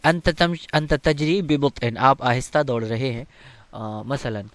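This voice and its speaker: A man's voice: mid-range voice, no echo. A man teaching an Arabic text. He reads each line, then translates and explains it, with many hesitant fillers.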